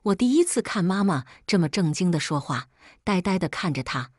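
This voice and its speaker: A woman narrating a story in a steady, plain storytelling manner on a close microphone. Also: lowish voice, fairly quick, breathy edge, no echo. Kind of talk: storybook reading.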